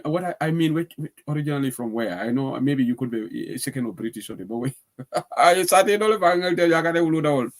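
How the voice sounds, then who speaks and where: A man from Gambia hosts a loose, talkative current affairs show. He laughs often, and his pitch sits at an ordinary middle for a man. He mixes languages freely as he talks. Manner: animated, laughs often, switches between English and Mandinka. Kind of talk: casual talk show monologue.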